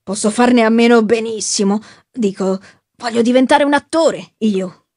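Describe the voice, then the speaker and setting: A woman's voice: fairly high pitch, measured pace, mellow. A woman reading the part of a brooding young man who wants to be an actor, in a sulky, bitter voice. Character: brooding young male would-be actor, resentful. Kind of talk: audiobook reading.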